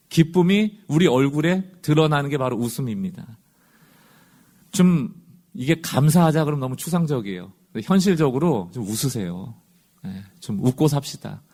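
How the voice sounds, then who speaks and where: Man, pastor, conversational sermon with rhetorical questions, fairly high voice.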